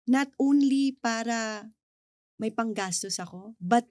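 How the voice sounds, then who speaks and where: Earnest Filipino woman, high warm voice. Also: slow pace, no echo, studio quality. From Philippines. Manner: earnest, mixes English into Tagalog. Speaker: guest. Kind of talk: faith testimony interview.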